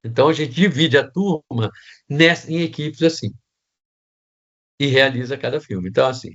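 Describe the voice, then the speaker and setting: A man's voice: medium pitch, lively intonation, normal speed, a bit bright, lo-fi sound. A man with a Brazilian Portuguese accent teaching set design in a casual online class, rambling with restarts and many tag questions.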